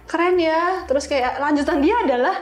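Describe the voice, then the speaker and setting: A young adult woman, an iOS developer on an interview, shares stories in a chatty, slangy manner with English words mixed in. Her voice is high and her pace moderate. The audio has a roomy echo.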